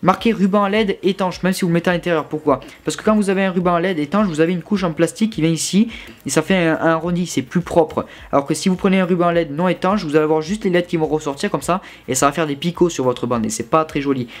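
A man's voice: a little high, fast talker. A young man giving a casual product review from his bedroom, chatty and informal with many fillers and restarts. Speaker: tech reviewer.

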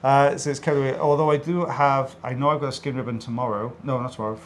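Co-presenting a procedure video, this middle-aged South Welsh audiologist addresses viewers directly with casual, joking commentary. He talks at a quick pace in a mid-range voice whose intonation stays fairly even.

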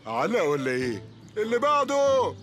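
A whiny goofy cartoon pal. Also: male voice, sits high, moderate pace, faint music behind, full character voice. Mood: quizzing. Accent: Egyptian Arabic. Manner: whiny, dramatic, excitable. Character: goofy clingy adult male cartoon friend. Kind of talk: cartoon dub acting.

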